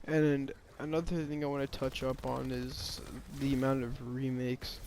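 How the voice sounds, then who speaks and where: A man's voice: mid-range voice, flat delivery, a little slow, darkish tone, a little hiss or hum. A man giving a casual, rambling opinion monologue about a game, often hesitating, restarting and sighing.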